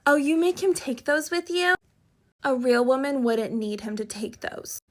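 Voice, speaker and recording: A woman voicing a frantic, clingy woman friend in a shrill, whiny voice. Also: lively intonation, unhurried. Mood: catty.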